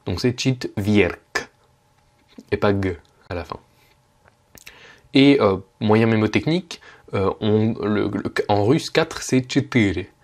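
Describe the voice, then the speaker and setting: A man giving a casual spoken Russian lesson at home, patiently slowing down to model each word. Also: on the low side, darkish tone. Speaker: Russian language teacher.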